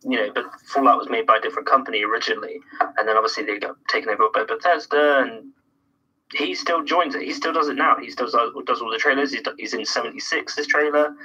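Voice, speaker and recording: Very bright, husky-voiced male podcast guest. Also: mid-range voice, fast talker, dull audio. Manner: enthusiastic, jokes then takes it back. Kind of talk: casual podcast chat.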